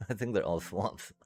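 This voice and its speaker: A man's voice: mid-range voice, darkish tone. A man streaming a card game, ranting profanely with frustrated laughs between lines. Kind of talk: casual gameplay commentary.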